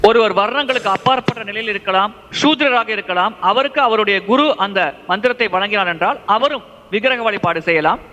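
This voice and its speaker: A man interprets a lecture phrase by phrase in a high, bright voice. His delivery is fluent and steady. Long reverb from a hall trails behind his words. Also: brisk, few pauses. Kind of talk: consecutive translation of a lecture.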